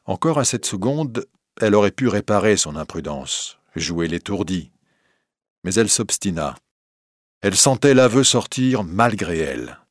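A man narrating a classic novel aloud in a steady, measured reading. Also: lowish voice, no echo, studio quality.

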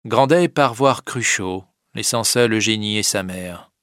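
A man narrating a story in a calm, measured way. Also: on the low side, smooth, no room sound, clean studio sound. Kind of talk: audiobook narration.

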